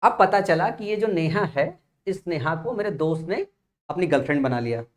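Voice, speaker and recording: A man's voice: on the high side, expressive, normal speed. A young man teaching a vocabulary lesson, explaining patiently and asking his students rhetorical questions while writing on a board. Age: young adult father. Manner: often checks in with "theek hai na". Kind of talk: classroom-style vocabulary lesson.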